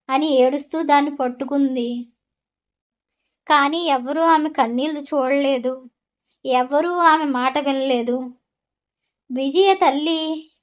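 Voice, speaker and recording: A woman narrating a scripted audio story in a steady, earnest manner. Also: high-pitched.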